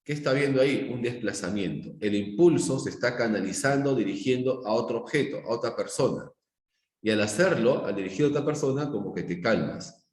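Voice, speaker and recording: Lively intonation and a fairly quick pace mark this mid-range, darkish voice of a middle-aged Peruvian man teaching psychology in a live online class. Speaking with a Peruvian Spanish accent, he draws on everyday examples and frequently checks whether students are following, in an echoey room.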